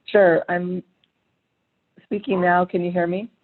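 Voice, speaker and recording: A woman's voice: on the low side, little pitch movement, slow pace. A woman joining a meeting by phone, heard through a phone line on speakerphone, plainly and patiently checking whether she can be heard. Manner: plain, patient, repeating sound-check questions. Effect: heard over a phone line. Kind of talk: casual audio check.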